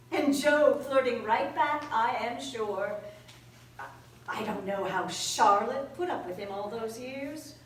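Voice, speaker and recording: An older woman playing a stubborn, sharp-tongued widow with dry, teasing humor on a community theater stage. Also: on the high side, takes it slowly, slight background noise. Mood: gossipy. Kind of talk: community stage play acting. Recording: echoey hall, miked from far off.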